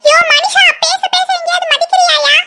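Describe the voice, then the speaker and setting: A woman doing a squeaky fretful cartoon housewife. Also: brisk, very noisy. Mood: lamenting. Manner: high-pitched, fretful, whiny lamenting. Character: fussy, nervous middle-aged housewife. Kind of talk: cartoon voice acting.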